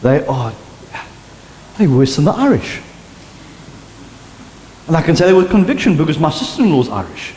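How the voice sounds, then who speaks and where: A man with a South African accent preaching a sermon, an animated storyteller who acts out sounds and drops to a hush for emphasis. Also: on the high side, moderate pace, long pauses, a little hiss or hum. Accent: South African English. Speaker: pastor. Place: church sanctuary. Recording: echoey church hall with long reverb.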